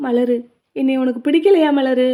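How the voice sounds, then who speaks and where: A woman voicing a simple-minded young groom who speaks slowly and plaintively in a lowered voice. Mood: pleading.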